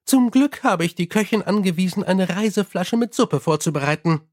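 A man voicing a gruff, weary middle-aged police commander who talks in a dry, blunt and grumbling way. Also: sits high, animated, normal speed, darkish tone, pitched above the performer's own voice. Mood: commanding.

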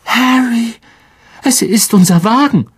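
A man reading an audiobook voices a frightened young teen boy wizard in fearful whispers that climb high. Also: big pitch swings, measured pace, breathy edge, dry recording, clean studio sound, exaggerated voice. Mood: relieved.

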